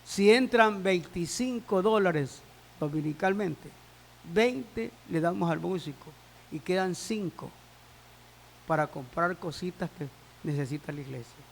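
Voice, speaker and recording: A man's voice: high-pitched, measured pace, vocal fry, a little hiss or hum. A male pastor preaching a sermon to his congregation, with repetition and rhetorical questions. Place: church sanctuary. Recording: long reverb in a church hall.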